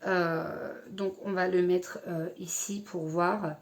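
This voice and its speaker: A woman's voice: fairly low pitch, fairly even intonation, slow pace. A young woman casually reviewing an eyeshadow palette, hesitant with many fillers. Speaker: beauty vlogger.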